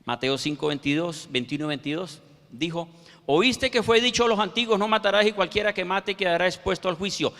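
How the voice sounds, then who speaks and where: A man preaching a sermon, quoting scripture verses with slow, emphatic pauses. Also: sits high, fairly bright tone. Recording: reverberant hall.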